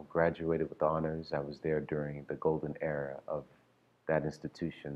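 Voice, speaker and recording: A man from Miami, a stage performer, talking about his career in an expressive interview. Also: very deep voice, highs cut off. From Miami, Florida.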